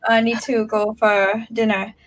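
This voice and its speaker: A woman's voice: fairly high pitch, level tone, unhurried, background noise. A woman teacher hosting a casual livestream, talking in a chatty, encouraging way. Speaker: Thai language teacher and livestream host.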